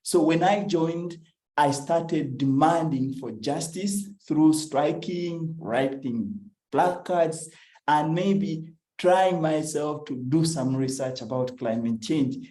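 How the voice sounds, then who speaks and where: A man's voice: a little high, takes it slowly, dark tone, reverberant, low-quality recording. A young Ugandan man, a climate activist, telling his own story earnestly over a video call, with an Ugandan English accent. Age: young adult. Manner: earnest, storytelling, with frequent uhs. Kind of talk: personal talk on a video call. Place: at home.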